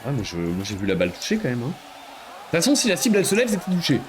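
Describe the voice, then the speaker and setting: A man giving live commentary on a video game he is playing, excitable and joking, often breaking into exclamations. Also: medium pitch, fast talker, a little hiss or hum. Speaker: streamer.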